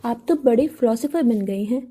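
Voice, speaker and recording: A woman's voice: fairly high pitch, mellow, slightly rough. A woman voicing a playful young woman who is easily frightened, in a novel audiobook. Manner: playful, slightly fearful.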